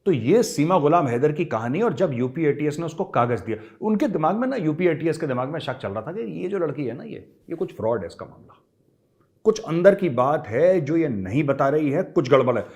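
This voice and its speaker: A man's voice: a little high, big pitch swings, fairly quick, a little mellow. A middle-aged man giving emphatic political commentary, talking straight to his viewers and repeating his points for emphasis. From India.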